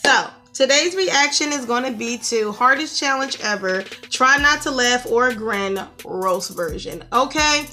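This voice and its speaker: Sassy woman vlogger, bright high voice, cussing a lot, chatty reaction intro. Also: expressive, unhurried, few pauses, faint music behind. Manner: sassy and profane, calls viewers honey. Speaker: reaction video host. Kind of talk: casual vlog intro.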